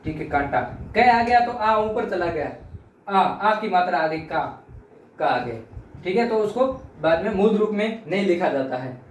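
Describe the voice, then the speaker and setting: A man's voice: high-pitched, animated, unhurried. A man teaching a lesson, explaining patiently, repeating phrases and drawing out vowel sounds to show them. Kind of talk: classroom lesson. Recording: echoey room, mic at a distance, faint noise.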